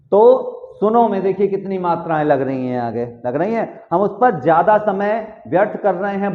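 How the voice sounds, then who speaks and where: A man with a high, bright voice teaches young pupils, pulling long sounds out slowly and answering the questions he puts to them. The sound is narrow and phone-like, and it bounces around a roomy, echoing space. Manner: drawn-out vowels and rhetorical questions he answers himself. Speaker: Hindi teacher. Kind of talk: classroom lesson for children.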